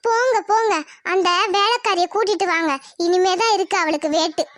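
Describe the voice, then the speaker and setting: A woman's voice: very high-pitched, a little fast. A woman voicing a scheming, spiteful young village woman in a cartoon. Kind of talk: cartoon voice acting.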